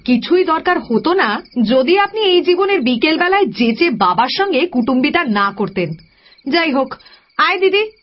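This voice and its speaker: A man's voice: very high-pitched, big pitch swings, moderate pace, voice pushed up. A man voicing a dignified grown daughter giving a cold, cutting reply. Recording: dull lo-fi audio.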